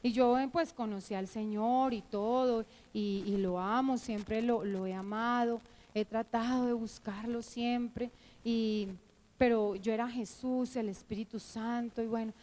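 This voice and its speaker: Woman preaching, middle-aged, somewhat high voice, emotional, animated testimony, hesitant fillers. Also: unhurried, poor audio. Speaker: church teacher. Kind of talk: sermon with personal testimony.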